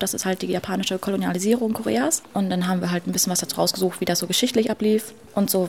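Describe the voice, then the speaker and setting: A young woman talking quickly in a casual interview about her plans and a school talk. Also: medium pitch, gravelly, darkish tone. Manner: rapid, talkative.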